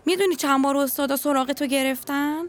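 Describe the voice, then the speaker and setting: A woman's voice: sits high, fairly even intonation, lightly acted. A woman playing a caring young female university classmate in an audio drama, worried and probing. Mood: concerned. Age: young adult.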